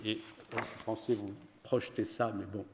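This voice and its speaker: A man giving a measured, expressive public reading of a story at a literary event. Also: lowish voice, slight background noise. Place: venue hall for a public reading. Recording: reverberant hall.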